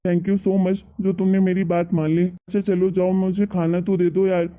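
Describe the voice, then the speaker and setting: A woman's voice: fairly low pitch, little pitch movement, moderate pace, natural voice. A woman voicing a meek young husband in a cartoon story who coaxes his wife. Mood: coaxing. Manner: coaxing, meek. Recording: tinny phone-like sound.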